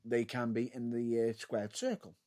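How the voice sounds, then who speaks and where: A man's voice: medium pitch, flat delivery, normal speed, warm tone. A man co-hosting a podcast, laughing often and steering the talk onward. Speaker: podcast co-host. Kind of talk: casual chat.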